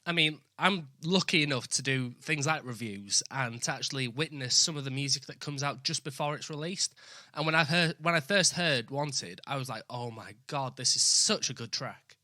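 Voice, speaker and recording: Bright-voiced man hosting, in an echoey room. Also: mid-range voice, moderate pace, clean studio sound. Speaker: podcast host. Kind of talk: casual interview.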